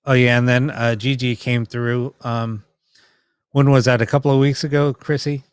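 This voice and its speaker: A man's voice: mid-range voice, level tone, normal speed, smooth, no echo, studio quality. A man hosting a paranormal live stream, chatting casually and explaining things to viewers in a rambling, informal way. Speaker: host of a ghost box session live stream.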